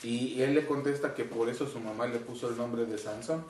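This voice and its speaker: A woman with a very deep, low-pitched voice hosts a podcast, patiently questioning children about a storybook. She often ends her questions with a tag question. Her voice sounds roomy and echoey, with a faint hiss underneath. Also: fairly quick, darkish tone. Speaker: host of a children's book podcast. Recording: roomy echo with faint noise.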